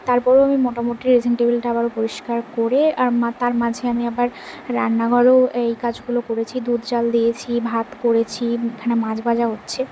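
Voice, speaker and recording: A woman's voice: a little high, completely flat delivery, normal speed, mellow, slight background noise, poor audio. A young woman chatting casually through a home vlog, narrating her chores on a handheld phone while pregnant and sweaty from housework. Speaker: vlogger. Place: home, rooms and kitchen.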